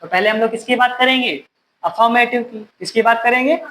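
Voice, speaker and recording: A man's voice: very high-pitched, a little fast, a little hiss or hum, rough recording. Male teacher drilling a class. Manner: repeats questions to the class, scolds students gently. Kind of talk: classroom grammar lesson. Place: classroom with students.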